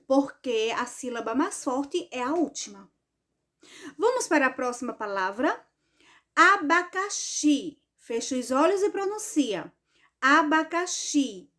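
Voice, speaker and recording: Her voice sits high with big swings in pitch as she teaches children grammar online. She stretches her words in a sing-song manner and repeatedly checks with "right?".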